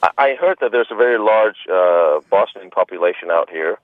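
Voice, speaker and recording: Deep-voiced man on a tinny phone line. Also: animated, moderate pace, no room sound. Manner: joking, rambling, with repeated restarts. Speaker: film director being interviewed. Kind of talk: casual radio interview.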